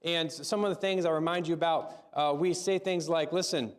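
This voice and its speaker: A man's voice: a little high, fairly even intonation, moderate pace. A man preaching a sermon and praying in a church service, speaking conversationally and often restarting and repeating words. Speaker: pastor. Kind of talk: sermon with spoken prayer. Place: church service, also live-streamed.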